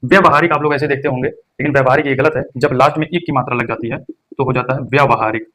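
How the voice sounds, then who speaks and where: A young male teacher runs an exam-prep lesson at a middle pitch. He calls out each word with a sharp stress and then repeats it slowly to drill the correct form. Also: fairly even intonation. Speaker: Hindi teacher.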